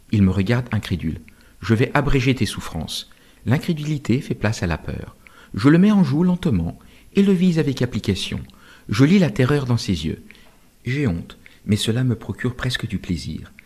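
Husky, warm-voiced male narrator. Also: mid-range voice. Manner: expressive, dramatic storytelling. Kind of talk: audiobook narration of a novel.

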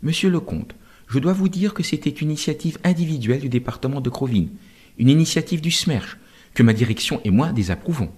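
A man's voice: fairly high pitch, animated, a little mellow, close to an everyday voice. A man reading a shrewd, conciliatory general. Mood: measured. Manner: smooth, measured, conciliatory.

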